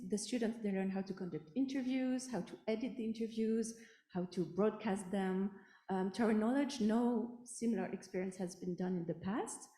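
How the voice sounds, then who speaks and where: Mellow-voiced woman presenting in a hall. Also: medium pitch. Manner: plain explanatory delivery. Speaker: conference presenter. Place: conference hall. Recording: roomy hall sound.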